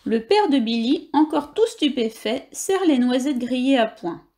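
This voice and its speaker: Female reader, high voice, lively picture-book storytelling. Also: a little slow. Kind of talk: reading a picture book aloud.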